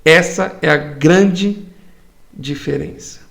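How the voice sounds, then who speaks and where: Guy teaching bible study, high voice, kinda gravelly, keeps asking the room questions. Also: slow, a bit bright. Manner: explains words with rhetorical questions.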